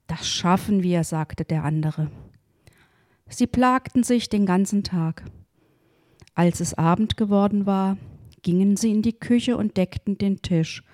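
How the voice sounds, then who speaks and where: Slow, mellow woman reading a devotional story. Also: medium pitch, dry recording, clean studio sound. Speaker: devotional reader.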